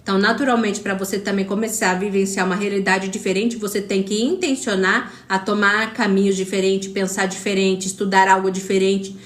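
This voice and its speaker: A woman with a Brazilian Portuguese accent hosts a motivational live stream as a spiritual coach, speaking emphatically and repetitively and greeting viewers by name. Her voice is mid-range, and the sound is reverberant.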